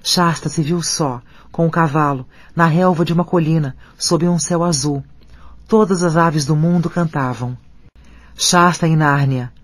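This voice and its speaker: A man narrating an audiobook in an even, measured reading voice. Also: on the high side, no room sound. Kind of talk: scripted narration.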